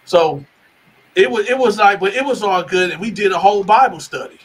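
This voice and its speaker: A man tells his own story in a casual interview, rambling and circling back over his words. His voice is bright and sits a little high. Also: a little fast, husky, poor audio. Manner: rambling, restarts and repeats words. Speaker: guest telling his life story.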